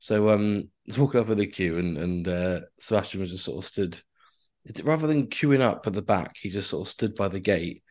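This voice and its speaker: A man's voice: deep voice, fairly quick, darkish tone. A man telling a rambling story in casual podcast chat, full of fillers and swearing. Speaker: podcast co-host.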